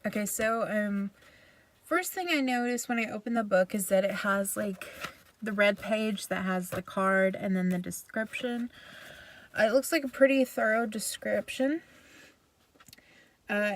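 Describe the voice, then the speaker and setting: A woman giving a casual, chatty review with a self-deprecating manner, recorded inside a parked vehicle. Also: medium pitch. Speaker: video reviewer.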